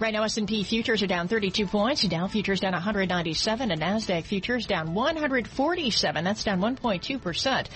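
A woman's voice: mid-range voice, fairly bright tone. A woman anchoring radio business news, reading stock prices in a scripted market report style. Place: radio studio.

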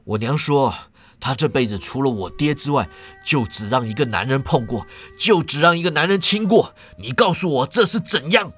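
A man voicing a furious, vulgar young swordsman who shouts and curses accusations. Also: mid-range voice, very animated, moderate pace, breathy edge, faint music behind. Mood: cold, bitter. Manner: shouting, cursing.

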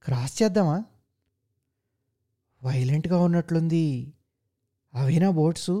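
A man's voice: on the high side, unhurried, dark tone. A man voicing a timid, fussy foreign tourist who talks nervously and cautiously.

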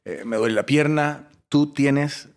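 A man from Chile, a startup founder in his forties, telling stories as an interview guest with an expressive delivery that swings between loud bursts and soft asides. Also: mid-range voice, slow. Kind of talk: animated storytelling interview.

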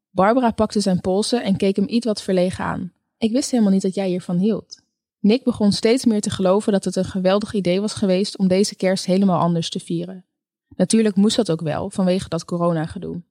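A woman narrating a story in a calm, measured reading voice. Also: medium pitch, no room sound, clean studio sound. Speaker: audiobook narrator. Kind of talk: scripted narration.

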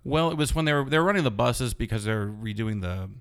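A blogger being interviewed tells a story in a loose, rambling, animated way, constantly dropping in "you know." His mid-range voice is clear and resonant, and he talks quickly.

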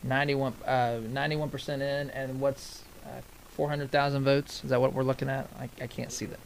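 An American man hosting live election-night radio, giving unscripted political commentary in a halting way, often repeating phrases and breaking off to read figures. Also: mid-range voice, flat delivery, gravelly, slight background noise, low-quality recording.

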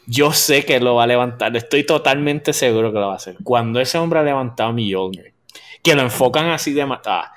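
Guy geeking out telling his movie story, normal pitch, keeps restarting. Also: a little fast. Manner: excited, storytelling, many restarts. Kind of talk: casual chat.

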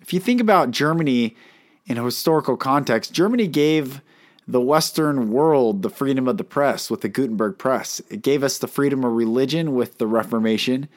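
This podcast host and life coach talks alone, earnest and emphatic, asking his audience questions. He has a mid-range, animated voice and a moderate pace. He is unable to roll his R's.

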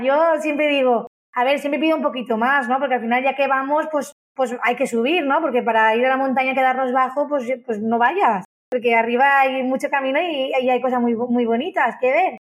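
A high-pitched woman is interviewed about the business she owns. Enthusiasm comes through clearly, and she keeps saying words twice as she talks.

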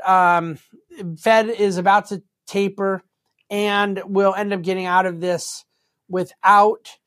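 A man hosting an unscripted financial commentary, conversational, with deliberately stressed phrases. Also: high-pitched. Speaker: host and market commentator.

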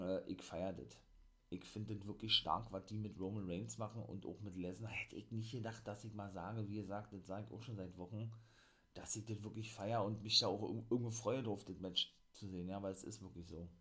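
Male host, low-pitched, casual rambling recap, enthusiastic, lots of fillers. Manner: enthusiastic, excitable. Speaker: wrestling review host.

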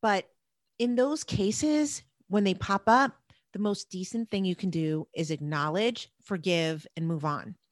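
A woman's voice: medium pitch, no room sound. A woman co-hosting a podcast, talking in an upbeat, emphatic way. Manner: upbeat, emphatic, wraps up the show. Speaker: podcast co-host. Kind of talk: casual podcast chat.

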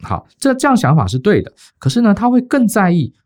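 A middle-aged man from Taiwan with a Taiwanese Mandarin accent, co-hosting a podcast and telling a casual career story, often pausing on fillers. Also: high-pitched, wildly swooping pitch, darkish tone. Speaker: podcast co-host.

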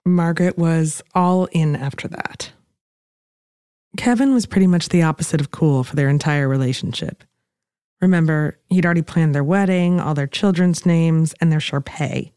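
Scripted podcast narrator, mellow and even, dry close sound. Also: medium pitch, normal speed, smooth, dry recording.

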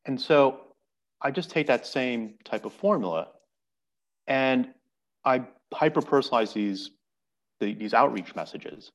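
This man, a native English speaker, is a guest on a laid-back podcast, earnestly explaining and repeating words while he gathers his thoughts. He has a mid-range, expressive voice and an unhurried delivery with long pauses.

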